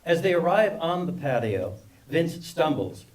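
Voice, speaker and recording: Recorded from a distance during a live screenplay table read, a man serves as narrator and reads the scripted stage directions. His voice is a little high and darkish in tone, very animated yet a little slow.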